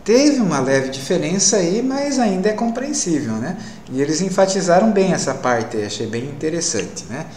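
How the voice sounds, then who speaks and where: A man's voice: fairly high pitch, very animated, normal speed, few pauses, darkish tone, reverberant, a little hiss or hum. A male English teacher giving a classroom lecture, explaining step by step and often checking in with tag questions.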